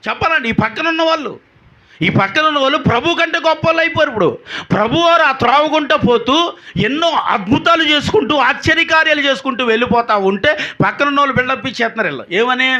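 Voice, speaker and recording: A pastor from Andhra Pradesh preaches a sermon and keeps calling the congregation to answer him. His voice is very high and sharp, with a bright, tense ring. He speaks in a call-and-response manner.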